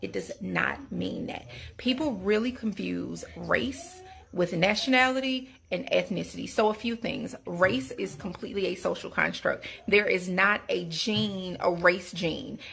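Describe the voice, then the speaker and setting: Woman lecturing hard, gravelly fry in her voice. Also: mid-range voice, lively intonation, measured pace, fairly bright tone. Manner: emphatic, lecturing.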